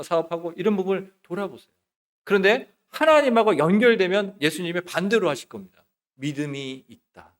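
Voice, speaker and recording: A male associate pastor preaching a sermon in church, asking rhetorical questions and answering them himself, moving between loud emphasis and soft, hushed words. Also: fairly high pitch. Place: church sanctuary.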